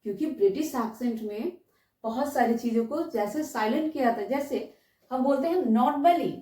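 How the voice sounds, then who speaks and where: A woman's voice: high-pitched, normal speed, dark tone. A woman teaching spoken English, encouraging her students and checking in often to make sure they follow. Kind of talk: classroom-style lesson. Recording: echoey room, distant from the mic.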